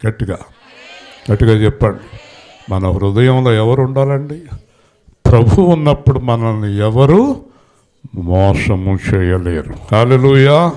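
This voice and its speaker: A male pastor delivers a Christmas sermon at an unhurried pace, his pitch sitting in a middle range. He tells a story in a preaching manner and calls on the congregation to answer aloud.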